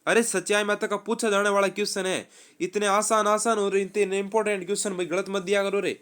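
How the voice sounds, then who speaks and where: A man teaching a live online exam-prep quiz class, reading options and repeating answers in a brisk, quizzing manner. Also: high-pitched, flat delivery, fairly bright tone, clear, resonant tone.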